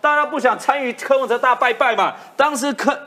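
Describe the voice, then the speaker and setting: A woman's voice: high voice, a little fast, fairly bright tone. A woman with a Taiwanese accent giving live political commentary in an emphatic way, repeating her points for effect. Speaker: political commentator on a talk show.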